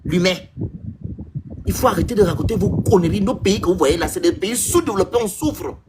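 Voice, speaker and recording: A man's voice: high voice, a little fast. A man hosting a live stream debate, insistently talking over others to hold the floor. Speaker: host moderating a live debate. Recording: noisy live stream audio.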